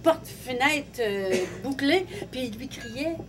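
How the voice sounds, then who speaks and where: A woman with a Quebec French accent telling a folk tale to a live audience, measured, letting her voice sink low for effect. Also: expressive, music in the background. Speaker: storyteller.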